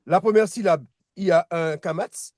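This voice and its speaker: A man's voice: high voice, normal speed, a little mellow, dry recording. Hesitant male teacher, dry close sound. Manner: hesitant, frequent restarts and repeated words; patient, checks understanding with "d'accord?". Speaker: Hebrew teacher. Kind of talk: casual online lesson.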